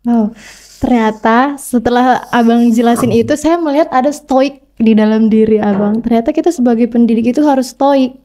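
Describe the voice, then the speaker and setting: A woman hosts a podcast with a fairly high voice and a warm, mellow tone. She listens closely and answers with brief acknowledgements. When she speaks at length, she reflects her guest's points back to him. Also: moderate pace. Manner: attentive, short affirming interjections. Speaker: podcast host. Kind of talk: podcast interview.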